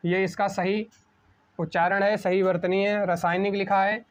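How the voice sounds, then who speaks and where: A man teaching an exam-prep spelling lesson at a board, asking a question and answering it himself, slowing down on each correct word. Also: high voice, level tone. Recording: dull lo-fi sound.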